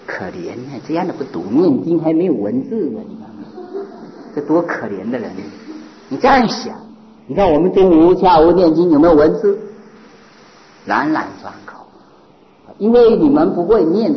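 Monk guy giving a buddhist sermon, voice swings up and down a lot, kinda high, dull lo-fi recording. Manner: animated, rhetorical questions, mimics mockers.

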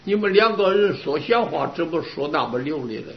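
A man delivers a Buddhist sermon to his students in a high, animated voice, his pitch leaping up and down as he tells stories. He keeps asking rhetorical questions and answering them. The sound is muffled and lo-fi. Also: fairly quick, gravelly. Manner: lively storytelling with rhetorical questions. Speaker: Buddhist Dharma teacher. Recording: dull lo-fi recording.

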